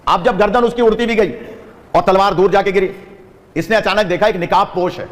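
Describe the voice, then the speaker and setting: Man, preacher, animated storytelling sermon, slightly high voice, long hall reverb. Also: crowd noise. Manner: animated storyteller, urges listeners to stay awake; chants devotional phrases. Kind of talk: storytelling sermon at a religious gathering. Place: large gathering hall with audience.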